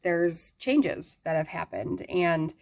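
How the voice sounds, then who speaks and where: A woman talking casually to viewers in a health update, weakened after surgery, halting and searching for words with long pauses. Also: fairly low pitch, expressive, gravelly, a little mellow. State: weakened after surgery, struggling to form sentences. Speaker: vlogger giving a health update.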